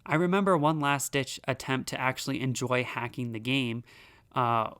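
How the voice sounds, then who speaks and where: A man's voice: mid-range voice, fairly even intonation, normal speed, fairly bright tone, clear, resonant tone. A young man narrating a casual video essay, rambling with fillers and restarts. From United States.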